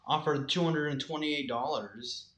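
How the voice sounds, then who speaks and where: A man's voice: fairly high pitch, measured pace, a bit bright, roomy sound. Playful teenage boy with mock-indignant bursts. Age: teens. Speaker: podcast co-host. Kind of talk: casual chat.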